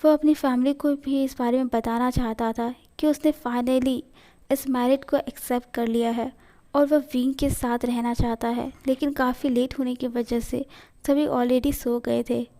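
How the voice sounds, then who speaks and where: A woman reads a fan fiction story aloud in a high, mellow voice. Her narration is steady and even throughout. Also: unhurried. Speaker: story reader.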